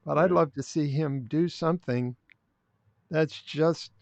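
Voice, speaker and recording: An older man speaking as a podcast guest in casual interview chat, blunt and opinionated, halting with restarts. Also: fairly high pitch, dry recording. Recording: dry, dull lo-fi sound.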